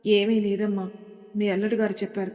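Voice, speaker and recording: A woman storyteller voicing an anxious middle-aged mother who speaks hesitantly and softly; the recording has a long hall reverb. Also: medium pitch, flat delivery, fairly quick, lightly acted. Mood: worried. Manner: hesitant, worried, soft.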